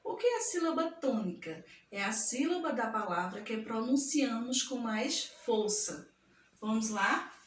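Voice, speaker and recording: A woman's voice: a little high, expressive, unhurried, roomy sound, slight background noise. A woman teaching a school grammar lesson, affectionate and patient, stretching out example words and checking in often with the class. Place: classroom with a board.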